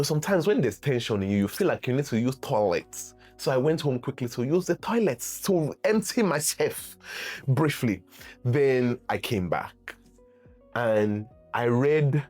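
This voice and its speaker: Animated Nigerian man telling his story. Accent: Nigerian English. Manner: animated, laughs often, acts out quotes with big pitch jumps. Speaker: actor sharing his story. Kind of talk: casual storytelling to camera.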